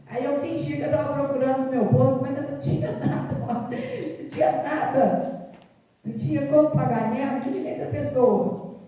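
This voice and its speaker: Woman preacher, mellow and fairly high voice, earnest testimony, heard from across an echoey church. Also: distant mic. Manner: earnest, storytelling, repeats phrases. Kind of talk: sermon with personal testimony. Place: large echoing church hall.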